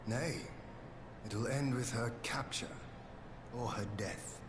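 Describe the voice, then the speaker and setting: An actor playing a noble, earnest young warrior lord in a game cutscene, with formal, archaic, measured phrasing. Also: male voice, mid-range voice, natural voice. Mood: firm, commanding. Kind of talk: dramatic game cutscene acting. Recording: game audio with clear background noise.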